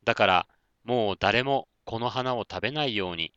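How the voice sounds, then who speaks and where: A man voicing a large snake in a children's story, slow and drawn-out. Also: fairly low pitch, bright, forceful tone, smooth, dry recording, highs cut off. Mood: friendly. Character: big snake, gruff at first, then kindly.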